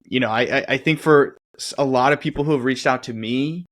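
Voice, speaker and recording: A man co-hosting a casual podcast, talking in an easygoing, agreeable way and often chiming in with quick yeahs. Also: medium pitch, a bit bright. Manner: easygoing, agreeable, backchannels a lot. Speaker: podcast co-host.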